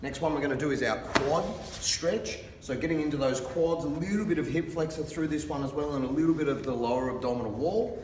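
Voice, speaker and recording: A man working as a fitness instructor, explaining exercises in a careful, unhurried and encouraging manner. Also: fairly high pitch. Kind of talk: instructional exercise demonstration with coaching cues. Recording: distant mic, reverberant hall, background noise.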